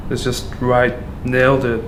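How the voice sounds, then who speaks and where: A man from Afghanistan giving a candid account as a patient, halting and full of fillers and restarts. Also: mid-range voice, completely flat delivery. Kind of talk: candid personal testimony. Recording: echoey room with background noise.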